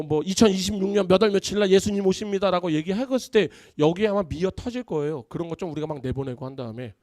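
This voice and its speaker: A man, a pastor, preaching a sermon in an animated, conversational way in a church. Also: high-pitched, no room sound, clean studio sound. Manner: animated, conversational preaching with acted-out family quotes. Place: church sanctuary.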